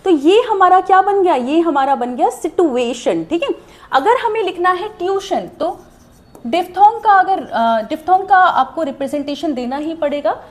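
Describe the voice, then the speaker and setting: A woman's voice: extremely high pitch, animated, normal speed. A woman teaching a shorthand class online, explaining step by step and often checking that students follow. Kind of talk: online lesson.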